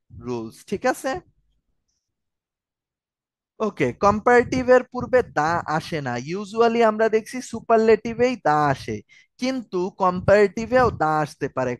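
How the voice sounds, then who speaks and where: A man's voice: high-pitched, dry recording, rough recording. A man giving an online grammar lecture, explaining step by step and answering viewer questions. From Bangladesh. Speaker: grammar tutor.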